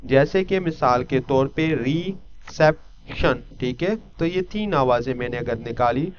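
A man teaching an English lesson, explaining step by step and often pausing to check that listeners follow. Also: medium pitch, background noise. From Pakistan. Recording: dull lo-fi recording.

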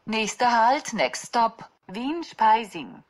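Slow woman announcing train stops. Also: a little high, very animated. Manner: formal, crisp station-name announcing.

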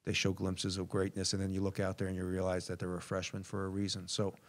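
A man's voice: deep voice, completely flat delivery, fast. A middle-aged man, a basketball head coach, answering reporters candidly at a postgame press conference, repeating words as he thinks, into a table mic.

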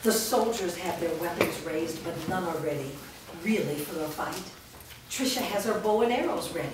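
At a staged script reading, a woman with a fairly low voice narrates the stage directions steadily and descriptively at a moderate pace. A distant camera mic picks her up in a large, echoey studio room with noisy background.

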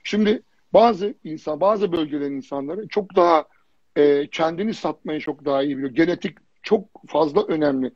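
High, husky man telling stories bluntly. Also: moderate pace, no room sound. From Germany. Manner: animated storytelling with repetitions and blunt slang. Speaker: fitness jury member, guest. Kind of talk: casual livestream chat. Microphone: phone or computer on a live video stream. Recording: dull lo-fi livestream audio.

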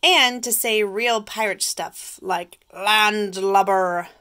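Woman teacher, slow, clear storybook reading, bright tone, for young kids. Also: mid-range voice, lively intonation. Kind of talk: reading a picture book aloud.

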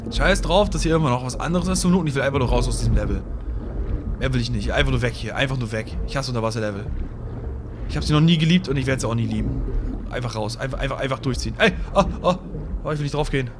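A man's voice: mid-range voice, lively intonation, quick pace. A man giving casual, slangy let's play commentary, grumbling at the game and sometimes whispering along. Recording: game audio with noise behind. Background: game sounds.

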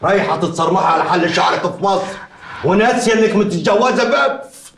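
An actor with an Upper Egyptian accent playing a domineering village mayor who taunts and threatens in a TV drama. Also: male voice, high voice, brisk, gravelly, roomy sound, noisy background. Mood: menacing. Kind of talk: TV drama acting.

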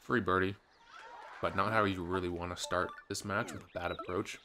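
A man's voice: low-pitched, fairly even intonation, normal speed, background noise. A man giving chatty, upbeat play-by-play commentary on his own game, with some gamer slang. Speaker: gaming channel host. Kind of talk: casual gameplay commentary. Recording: game music behind voice. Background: game music.

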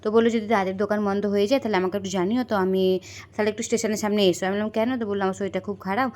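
A woman's voice: mid-range voice, steady tone, very fast, darkish tone. A young woman vlogging in a chatty, rambling way, filming on a phone outdoors near a station at night. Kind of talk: casual vlog narration.

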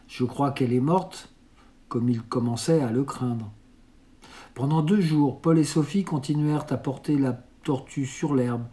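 A man reading a classic children's novel aloud in a steady, even storytelling manner. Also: mid-range voice. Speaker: reader.

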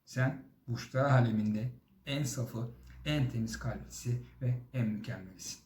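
A young comedy vlogger with a medium-pitched, darkish voice talks a little slowly in an echoey room, with a bit of hiss or hum. His comic monologue addresses the zodiac signs, teasing and exaggeratedly sweet, broken by sudden swearing outbursts.

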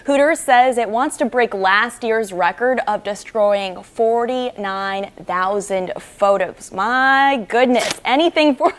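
A woman's voice: fairly high pitch, slow pace. A woman anchoring TV news in a studio, amused and breaking up in a newsroom blooper.

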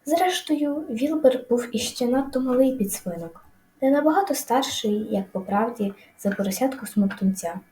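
Woman reading a children's story, mellow. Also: a little high, normal speed, roomy sound, a little hiss or hum, low-quality recording. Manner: lively expressive reading. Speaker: audiobook reader. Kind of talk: storybook narration.

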